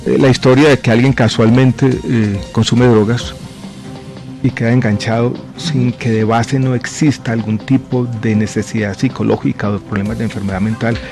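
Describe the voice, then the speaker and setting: A man in his forties, a government minister, answering radio interview questions in a measured, reflective way with many pauses and fillers. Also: mid-range voice, steady tone, music in the background. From born in Chile, raised in Colombia. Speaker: guest, health minister.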